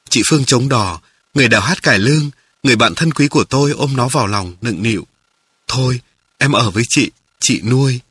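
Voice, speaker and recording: A man calmly narrating a memoir aloud in a measured storytelling voice. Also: mid-range voice, breathy edge.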